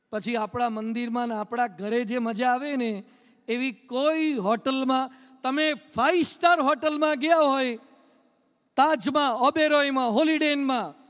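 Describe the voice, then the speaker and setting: High-voiced monk preaching in a hall. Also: male voice, fairly bright tone. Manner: storytelling, playful, mimics people. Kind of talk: humorous sermon with anecdotes. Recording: long hall reverb.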